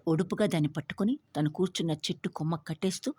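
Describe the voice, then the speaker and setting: A woman storyteller narrating a novel aloud in a steady, even manner with a husky voice. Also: lowish voice, fast talker.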